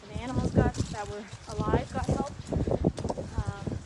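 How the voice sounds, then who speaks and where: A woman chatting casually as she guides a walking tour outdoors, telling stories in an animated way and acting out reactions. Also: a little high, measured pace. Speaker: sanctuary founder and tour guide. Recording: noisy outdoor recording, clicks and footsteps.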